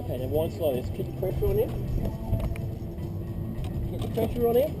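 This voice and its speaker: Excited man coaching outdoors. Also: high voice, a little fast, over loud music, poor audio. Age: adult. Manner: encouraging, repeats instructions, excited whoops. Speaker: uncle coaching a child fishing. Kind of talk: excited on-the-water fishing coaching. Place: outdoors on the water, fishing boat. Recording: loud wind and water noise outdoors.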